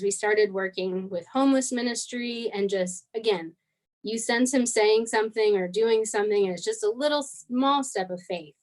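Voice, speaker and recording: A woman in her twenties, a guest on an interview, recounting a story in a casual, animated way and acting out the lines people said. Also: mid-range voice, low-quality recording. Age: 20s. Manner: animated, acts out quoted dialogue. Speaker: guest missionary.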